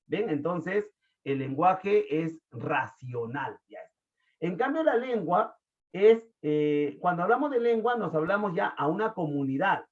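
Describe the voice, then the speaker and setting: A man from Lima gives an online lesson with a Lima accent, his voice sitting a touch high. He keeps the class involved with questions and plenty of fillers. The sound is thin and tinny, like it comes over a phone. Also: lively intonation, measured pace. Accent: Lima Peruvian Spanish. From Peru. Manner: chatty, asks the class questions, many fillers. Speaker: teacher.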